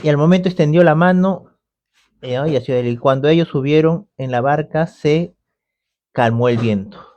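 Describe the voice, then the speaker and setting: A man with a fairly high but mellow voice, teaching scripture over the radio. He explains patiently and keeps checking in with his listeners. The recording is dull and lo-fi. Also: normal speed. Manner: explanatory, often adds the tag question "¿no?". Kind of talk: conversational Bible commentary.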